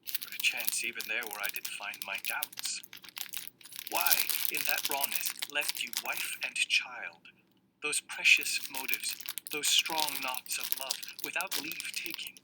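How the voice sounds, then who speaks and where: A guarded, testing young prince speaks in measured, solemn classical verse, played by a man. The voice sits at an ordinary pitch. A steady hiss of noise runs under the old recording. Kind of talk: classical stage verse reading. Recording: noisy old audio recording.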